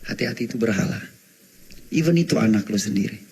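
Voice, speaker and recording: Pria bersaksi penuh semangat. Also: male voice, on the low side, quick pace, husky. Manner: animated storyteller, acts out dialogue, shouts in excitement; mixes in English words. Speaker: testimony speaker. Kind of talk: emotional personal testimony.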